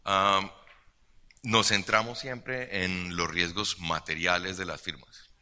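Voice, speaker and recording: A man giving a formal conference presentation as a financial supervision official, measured and pausing often with fillers and restarts. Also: low-pitched, fairly even intonation, pushed and bright.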